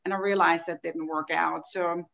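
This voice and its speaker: Woman, lower voice. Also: steady tone, normal speed, creaky, fairly bright tone, muffled recording. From Austria. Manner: earnest, open storytelling. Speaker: guest, health coaching founder. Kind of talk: podcast interview over video call. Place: home room at a desk. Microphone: laptop video call.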